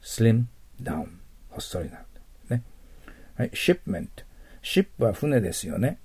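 A man teaching English vocabulary in a recorded lesson, explaining each word patiently and often trailing off into soft, near-whispered asides. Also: medium pitch, sing-song, slow pace, breathy edge, no echo.

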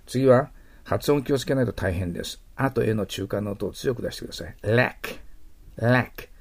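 A middle-aged man teaching TOEIC English vocabulary, explaining words and slowly modeling their English pronunciation. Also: medium pitch, expressive, vocal fry, darkish tone, a little hiss or hum.

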